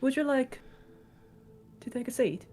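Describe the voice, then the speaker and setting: A woman game master voicing an uncannily perfect male abbot in a flat, robotic, metallic tone with stiff, formal politeness. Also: high voice, unhurried, slight background noise, pitched above the performer's own voice. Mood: stiffly courteous. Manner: formal, stilted welcoming.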